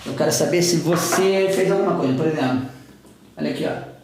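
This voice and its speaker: A man's voice: a little high, fairly quick, a little mellow, slight background noise. A Brazilian Portuguese-speaking man teaching an English pronunciation lesson, patiently repeating example words. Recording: very echoey room.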